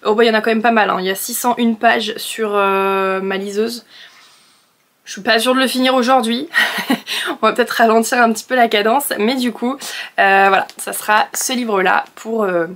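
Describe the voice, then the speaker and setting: A woman's voice: on the high side, fairly even intonation, normal speed, fairly bright tone. Young French woman, book vlogger, rambling casual chat to a camera at home. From France. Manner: chatty, rambling, many fillers and self-corrections. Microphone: camera set on a surface.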